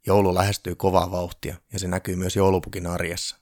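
A man reading a humorous Christmas story aloud in a dry, deadpan way. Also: low voice, no echo.

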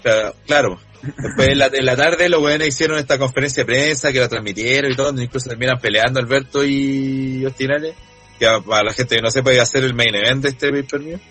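A man's voice: mid-range voice, fairly quick, fairly bright tone, slightly rough, soft background music. A man with a Chilean accent telling a story in casual podcast chat, slangy and rambling with restarts. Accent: Chilean Spanish. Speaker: podcast co-host. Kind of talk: casual chat about wrestling.

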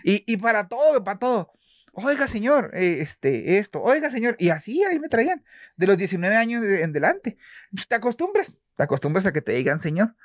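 A man's voice: high-pitched, big pitch swings, no echo, studio quality. A young man with a Mexican accent, co-hosting a casual chat and telling stories in a slangy, joking way. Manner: slangy, joking storyteller, quick asides. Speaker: podcast co-host.

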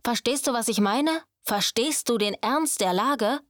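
A woman voicing a domineering young male thief mentor who scolds his apprentice with a raised, forceful voice. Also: on the high side, expressive, unhurried, no echo, studio quality, voice pushed up. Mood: stern. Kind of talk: audiobook character voice.

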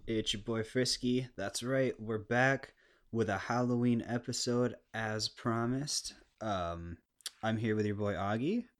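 A man with a harsh stoner skater voice, rambling casually and unscripted through a solo podcast with crude, self-deprecating humor, clearly recorded on a podcast mic. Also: fairly low pitch, unhurried. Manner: laid-back, rambling and unscripted. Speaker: podcast host. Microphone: podcast microphone, clean close sound.

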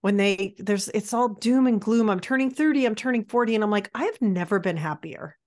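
A woman's voice: medium pitch, a little fast, a little mellow. A woman in her late forties co-hosting a podcast, chatting candidly and poking fun at herself, with plenty of fillers. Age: 40s. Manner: candid, self-deprecating, chatty with many fillers. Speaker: podcast co-host. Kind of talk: casual chat.

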